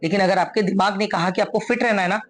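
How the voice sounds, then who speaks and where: Woman, motivational speaker, earnest coaxing delivery, medium pitch, faint music underneath. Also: fairly even intonation, quick pace. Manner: earnest and coaxing, mixes English into Hindi. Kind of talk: motivational talk.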